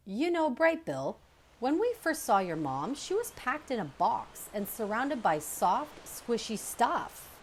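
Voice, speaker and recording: A woman's voice: a little high, sing-song, slow, a little hiss or hum, voice pushed up. A woman voicing a big, friendly female otter in a storybook reading, chatty and bubbly.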